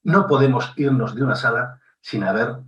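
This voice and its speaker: A man with a Spanish accent from Spain giving an instructive talk on public speaking, deliberate and emphatic, using pauses and shifting intonation for effect. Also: mid-range voice, fairly bright tone, dull audio. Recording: roomy echo, somewhat distant mic.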